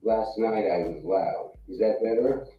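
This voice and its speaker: A man's voice: lowish voice, moderate pace. A man on a live stream call who sounds muffled and far off, as if heard through a wall, flustered as he fumbles with his setup. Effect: muffled, distant voice as if heard through a wall. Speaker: guest calling into a live stream panel. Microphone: computer mic away from the mouth. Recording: roomy, dull computer mic far from the speaker.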